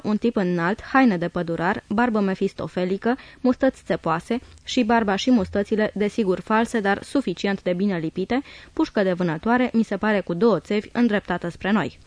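A woman reads a diary aloud in the first person. Her pace is calm and measured, and her voice sits at an ordinary middle pitch. The recording is dry and close to the mic, with no room sound. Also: no echo. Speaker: audiobook reader. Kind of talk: diary reading.

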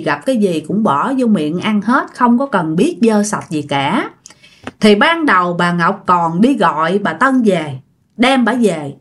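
A woman narrating a ghost story and chatting directly to her listeners. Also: mid-range voice.

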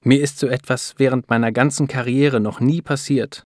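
A man's voice: mid-range voice, steady tone, moderate pace, a little mellow, no room sound, voice pushed up, lightly acted. Earnest woman doctor in a storybook reading, a man raising his voice for her, serious and careful, dry close sound. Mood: firm. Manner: earnest, hesitant when delivering bad news. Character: serious middle-aged female lab doctor.

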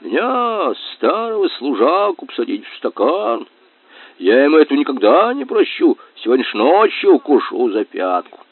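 A man's voice: mid-range voice, wildly swooping pitch, normal speed, no echo, voice pushed up. A man voicing a grumpy old male shrew soldier, indignant and puffing, on a tinny, dry recording. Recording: tinny dry phone-like sound.

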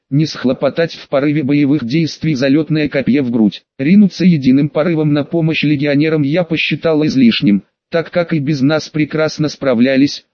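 Male audiobook narrator, slightly high voice, steady and even delivery, dry and somewhat muffled studio sound. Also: no echo. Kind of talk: first-person fantasy audiobook narration.

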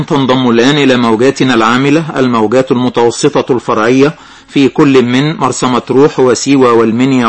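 Male continuity announcer, mid-pitched, quick formal Standard Arabic read.

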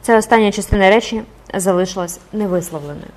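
A woman narrating a classic novel as an audiobook in a measured, expressive reading voice. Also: medium pitch.

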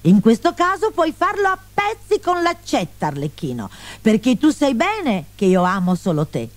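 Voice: mid-range voice, wildly swooping pitch, normal speed, no room sound, pitched above the performer's own voice. A storyteller voicing an eager young woman in love, pleading with her sweetheart.

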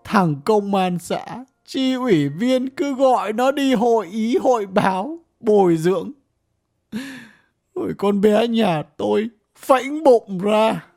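Reader doing a grumpy old village guy, ex-official, curses a lot, slow and swooping, faint music behind. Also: mid-range voice, animated, gravelly, darkish tone. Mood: grieving. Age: older. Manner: ranting, grieving, coarse cursing. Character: bitter old village man, former cadre. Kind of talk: audiobook character voice.

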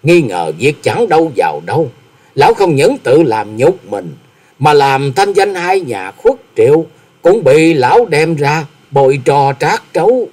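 Brief: male narrator doing a tearful, accusing wife in an audiobook, raised husky voice, slow, drawn-out lament. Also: fairly high pitch, big pitch swings, warm tone, pitched above the performer's own voice. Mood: bitter lament. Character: distraught wronged middle-aged wife, bitter and indignant.

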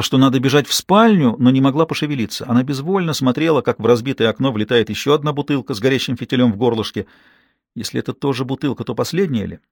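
A man in his sixties reading a tense novel aloud at a steady pace, slowing on dramatic details. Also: medium pitch, no room sound, clean studio sound. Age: 60s. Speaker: audiobook narrator. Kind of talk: scripted narration.

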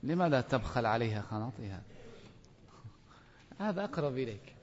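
A man's voice: medium pitch, sing-song, brisk, long reverb tail, dull audio, crowd noise. A man teaching an Arabic grammar class, asking questions and calling on students by name.

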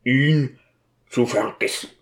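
A man's voice: medium pitch, slow, natural voice. A man voicing a grieving, stubborn deacon who grumbles in a sulky, weary way. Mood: brooding.

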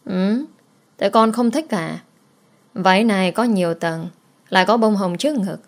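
A woman voicing a grieving young mother who gently coaxes her daughter. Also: mid-range voice, moderate pace, natural voice. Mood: coaxing.

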